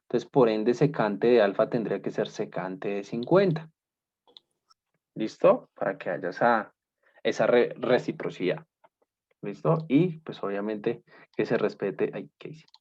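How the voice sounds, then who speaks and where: Fairly low in pitch and darkish in tone, this teacher guides a basic math class patiently, one step at a time. "¿Listo?" and "¿cierto?" come up often as he checks in, all in a dull lo-fi recording.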